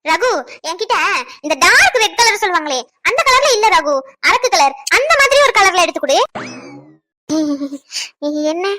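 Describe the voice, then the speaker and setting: A woman's voice: extremely high pitch, sing-song, brisk, bright, forceful tone, heavily acted. A woman voicing an adult married cousin in a cartoon skit, sulky and coy, who puts on fake crying.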